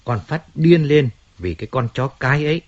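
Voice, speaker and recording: A man's voice: medium pitch, lively intonation, moderate pace, darkish tone, muffled recording, voice pushed up, natural voice. A man doing a whining, self-pitying fading singer. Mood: bitter ranting. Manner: complaining, pleading, resentful.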